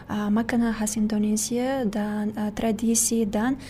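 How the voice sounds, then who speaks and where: A young woman from Uzbekistan with an Uzbek accent, speaking Indonesian as a foreigner in halting, simple learner phrases in a radio interview. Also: medium pitch, little pitch movement, dark tone, slight background noise. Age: young adult. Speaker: scholarship student guest.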